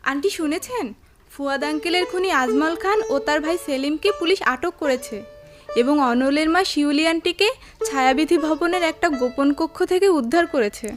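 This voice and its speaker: An actress playing an anxious, devoted young bride-to-be with melodramatic old radio show delivery. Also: female voice, high voice, normal speed, over music, natural voice. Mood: urgent. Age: young adult. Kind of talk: radio drama acting.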